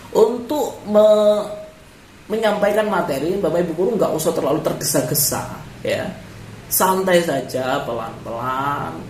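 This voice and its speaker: A man's voice: fairly high pitch, a little mellow, far from the mic, slight background noise. Man lecturing teachers in an echoey room. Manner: talks straight to listeners with frequent "ya" check-ins. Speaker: teacher trainer.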